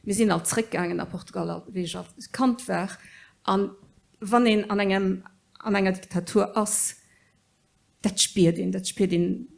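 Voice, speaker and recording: A middle-aged woman debating on a political panel. She talks in a steady mid-range voice, earnest and a little halting, with plenty of fillers as she searches for words. Her tone stays serious and engaged. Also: medium pitch, gravelly. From Luxembourg.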